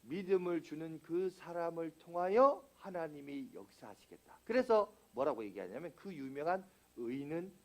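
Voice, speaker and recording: A man's voice: on the high side, expressive, moderate pace, hardly any pauses. A middle-aged male pastor preaching a sermon in a church, asking rhetorical questions and acting out prayers as he goes. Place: church sanctuary.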